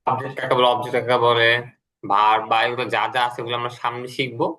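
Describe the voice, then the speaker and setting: A man teaching an English lesson to a student, patient and explanatory, repeating key words slowly. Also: mid-range voice, level tone, bright, forceful tone.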